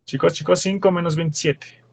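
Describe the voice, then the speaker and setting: A man's voice: fairly high pitch, fairly even intonation, a little fast, creaky, dry recording. A young man with a Bolivian Spanish accent, a teaching assistant working through problems step by step in class and quizzing his students. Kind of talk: classroom lecture.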